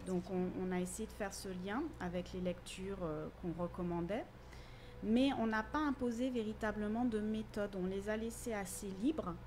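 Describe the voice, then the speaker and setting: A woman's voice: mid-range voice, moderate pace, a little mellow, a little hiss or hum. Articulate woman teacher explaining. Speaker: literature teacher. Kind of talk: radio interview guest.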